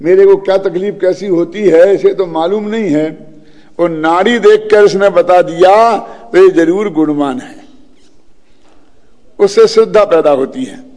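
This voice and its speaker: A man's voice: high voice, unhurried, a little mellow, big-room sound. An older Indian man giving a spiritual discourse, telling a true story and often checking that his listeners follow. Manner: storytelling, often asks the audience if they follow. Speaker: religious teacher.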